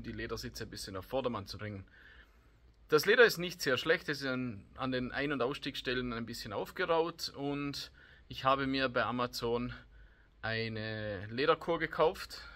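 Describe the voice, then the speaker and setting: Working on a seat in his home garage workshop, a DIY host talks through the repair casually, full of hesitant fillers. He has a bright, forceful, mid-range voice at a moderate pace. The camera mic starts close, then he moves farther off as he works.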